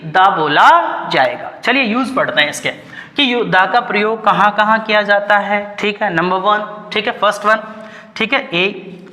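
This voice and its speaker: A man's voice: sits high, moderate pace, pushed and bright. An Indian man teaching a grammar lesson, asking his class questions and answering them himself, with "okay" between points. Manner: keeps saying "ठीक है" between points. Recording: long hall reverb.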